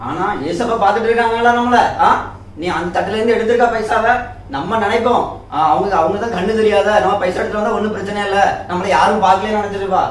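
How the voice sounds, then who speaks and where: A man's voice: high-pitched, fairly even intonation, fast, slight background noise. A man acting as a Sunday school teacher in a children's skit, scolding and preaching, who tags his lines with questions. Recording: very echoey room, far from the mic.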